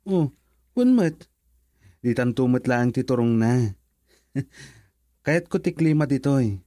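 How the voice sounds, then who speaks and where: In a radio drama, a man with a Filipino accent plays an earnest adult son in love and eager to marry, reassuring his mother in an affectionate, teasing mood. His medium-pitched voice is warm and animated but slow, with no echo.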